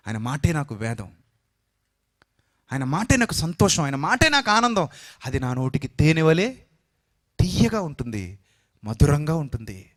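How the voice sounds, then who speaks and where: A man preaching a sermon with emotional force, repeating phrases and swinging between soft and loud. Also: medium pitch. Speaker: pastor.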